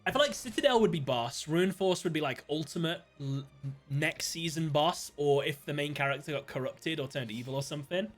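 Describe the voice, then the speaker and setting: A British man chatting casually while streaming a card game, thinking aloud, greeting viewers and breaking into sudden excited outbursts. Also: a little high, brisk, soft background music. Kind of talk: casual live-stream gameplay commentary.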